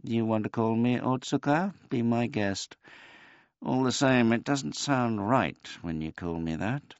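A man voicing a weary, laconic elderly male tomcat who speaks in a dry, unhurried, noncommittal way. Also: mid-range voice, no room sound, highs cut off, pitched above the performer's own voice, lightly acted.

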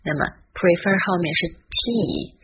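A woman's voice: fairly low pitch, huge pitch swings, measured pace, gravelly, breathy edge. A woman hosting a spoken English lesson, spelling words out letter by letter in a teacherly way. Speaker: English teacher and podcast host. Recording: dull lo-fi recording.

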